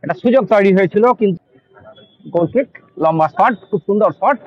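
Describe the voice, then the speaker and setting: Fast, high-pitched Bengali man commentating football excitedly. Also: highs cut off. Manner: excitable, frantic delivery as play builds.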